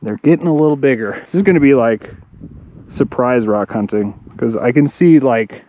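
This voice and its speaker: A man's voice: medium pitch, moderate pace, muffled recording. Breathless man hiking outdoors at dusk. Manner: enthusiastic, chatty, laughs often. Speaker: rock hunting vlogger. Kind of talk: casual vlog narration while hiking. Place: outdoors at dusk on a rocky hillside. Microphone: action camera and phone.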